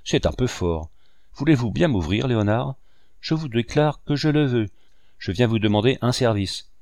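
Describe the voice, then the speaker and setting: A man's voice: mid-range voice, animated, moderate pace, a little mellow, dry recording, clean studio sound, lightly acted. A man reading an audiobook, voicing a spirited, affectionate young woman who reproaches and questions insistently. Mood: indignant. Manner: indignant, pleading questions.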